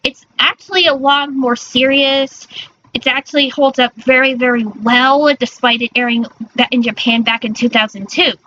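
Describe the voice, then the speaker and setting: A woman's voice: high-pitched, steady tone, moderate pace, sharp tone. A woman chatting casually on a livestream in a cute, girlish anime-streamer manner, often stumbling over her words. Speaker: streamer, virtual character persona. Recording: dull lo-fi mic with faint noise.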